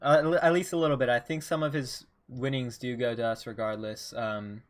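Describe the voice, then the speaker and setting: A man hosting and commentating a gaming tournament stream in a relaxed, chatty way with many fillers. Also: medium pitch, normal speed. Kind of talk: casual esports commentary.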